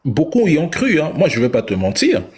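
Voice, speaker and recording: A man hosting a live talk show, speaking in a measured, reflective way. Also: fairly high pitch, huge pitch swings, darkish tone. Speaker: host.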